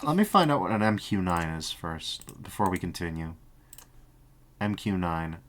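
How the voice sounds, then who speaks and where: A man with a lowish voice reads a dense report into his desk mic in a flat, steady way. Every so often he breaks off to swear and joke with a co-host. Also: moderate pace, a crowd in the background. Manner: reads report text flatly, breaks off for profane jokey asides. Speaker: streamer. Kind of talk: casual stream commentary reading a report aloud.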